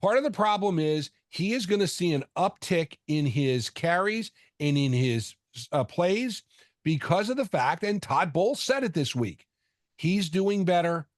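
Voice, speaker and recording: Animated man rambling about football. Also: high-pitched, a little slow, no room sound, clean studio sound. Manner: animated, rambling, stumbles and repeats words. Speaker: fantasy football co-host. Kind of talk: casual sports talk.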